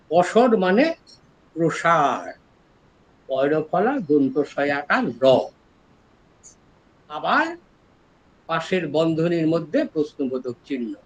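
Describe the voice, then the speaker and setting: An older man from East Bengal with an East Bengali accent, a retired professor giving a scholarly lecture and explaining word origins slowly, step by step. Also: fairly high pitch, poor audio. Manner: explains slowly and step by step, lively rises and drops in voice.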